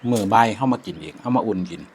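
A man's voice: fairly low pitch, rapid-fire, slight background noise. A man with an Isan accent chatting reflectively over a meal, using many polite particles. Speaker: vlogger. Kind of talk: casual chat over a meal.

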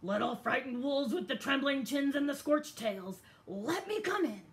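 A woman's voice: high voice, animated, normal speed, pitched above the performer's own voice. A woman voicing a big bad male pig, a bully who makes blustery threats. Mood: coaxing.

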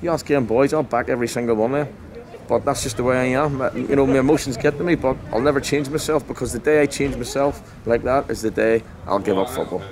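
Outdoors at a ground at night, a forties-aged football manager delivers a blunt, passionate post-match interview, fast and in a mid-range voice. His manner is emphatic and repetitive. The handheld mic is held close, catching crowd noise and faint outdoor sound.

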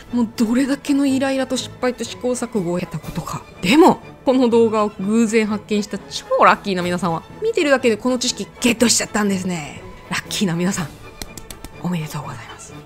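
A brisk woman teaches a language lesson to camera, her pitch leaping up and down as she jokes and quizzes her viewers. Her first language is Korean. Faint music plays underneath her voice. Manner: animated, playful, talks straight to the viewers with rhetorical questions. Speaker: language teacher and video host. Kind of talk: lively explanatory lesson to camera.

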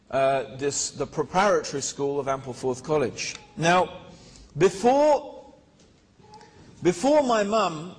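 A man telling his personal story in a religious talk, measured and pausing with fillers. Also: fairly high pitch. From England. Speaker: guest speaker. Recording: reverberant lecture hall.

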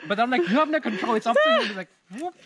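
A woman chats with a friend at an outdoor adventure park. Her voice sits a little high and moves very widely as she recounts what happened. A loud crowd fills the background. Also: very fast. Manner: animated, recounting with exclamations. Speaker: travel companion. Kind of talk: casual chat.

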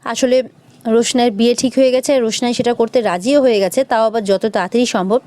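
A woman's voice: a little high, steady tone, quick pace, darkish tone. A woman narrating a recap of a TV serial episode as a channel host, speaking to viewers as friends.

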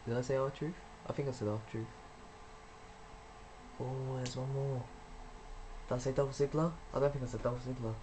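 A man's voice: medium pitch, steady tone, normal speed, pauses often, background noise. A young man giving rambling, casual commentary while playing a video game, swearing when things go wrong. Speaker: gaming YouTuber.

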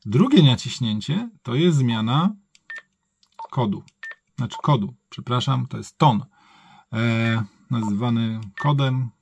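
A man's voice: medium pitch, expressive, slow pace, vocal fry, long pauses, a little mellow, slight background noise. A man giving a casual, improvised hands-on gadget review, thinking aloud in colloquial words and often correcting himself. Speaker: product reviewer.

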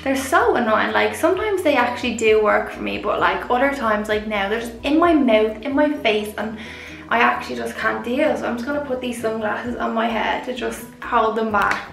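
A young Irish woman rambles through a try-on haul, her voice slightly raised and gravelly with fry. She is recorded off-mic in an echoey room, with faint music behind her. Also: fairly high pitch, moderate pace, a bit bright, far from the mic. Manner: chatty and rambling, heavy use of "like". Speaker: vlogger. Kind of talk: casual try-on haul chat. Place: room at home. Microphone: camera set up at a distance.

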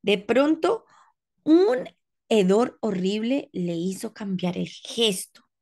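A woman reading a rhyming picture book aloud for children in an expressive, sing-song way. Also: medium pitch, slow, vocal fry. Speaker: storybook reader.

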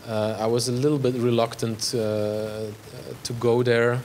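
This is an artist talk in a gallery room by a Belgian man in his forties, recorded on a lapel mic; he has a Flemish accent and Dutch is his first language. His mid-range voice is level and darkish, and a little hiss or hum is audible. He speaks haltingly, with many fillers and restarts.

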